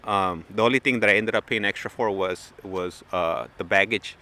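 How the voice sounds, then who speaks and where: Chatty man with a low, bright voice. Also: normal speed. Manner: loose and chatty, full of fillers and restarts. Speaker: plane-spotting livestream host. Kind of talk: casual rambling storytelling.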